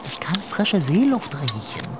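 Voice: mid-range voice, wildly swooping pitch, measured pace, music in the background. Eine Stimme spricht einen belehrenden, altmodisch gestelzten Kater-Seemann in einem Hörspiel. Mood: bossy. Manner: lofty, old-fashioned wording; bossy, lecturing. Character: pompous know-it-all tomcat sailor, male. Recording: long reverb with clear noise.

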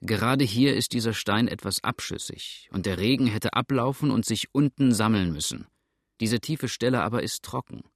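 Man reading an insistent old man, gravelly voice, audiobook. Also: fairly low pitch, expressive, normal speed, dry recording, clean studio sound. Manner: emphatic, insistent. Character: old man, stubborn and sure.

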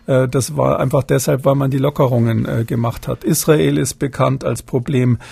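A man speaks as an interview guest, hesitant and full of fillers and restarts. His voice is gravelly, dark and a little husky. The sound is dry and close. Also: medium pitch, steady tone, normal speed, no echo. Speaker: expert guest. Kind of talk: interview answers.

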